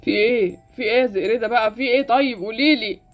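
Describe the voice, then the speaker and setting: A woman's voice: a little high, racing, over music, natural voice. A woman voicing a stubborn boy in a Roblox story drama, speaking with an Egyptian accent and insistent pleading. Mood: urgent. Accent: Egyptian Arabic. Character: stubborn boy hero, warning everyone.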